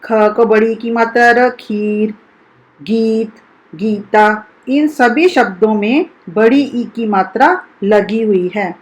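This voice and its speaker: A woman school teacher giving a recorded lesson to young children, sounding out each syllable slowly and deliberately. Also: on the high side, low-quality recording.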